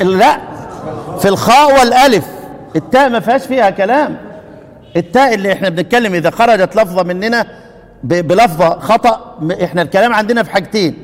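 A man with an Egyptian accent teaching Quranic readings, quizzing his listeners and stretching out syllables slowly as he repeats them. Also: high-pitched, expressive. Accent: Egyptian Arabic. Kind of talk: classroom lesson on Quranic readings. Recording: hall reverb.

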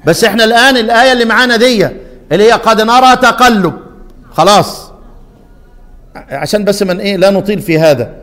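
A man with an Egyptian accent teaching a lesson on Quran readings, quizzing his students and chanting verses slowly. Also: sits high, a bit bright, big-room sound. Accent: Egyptian Arabic.

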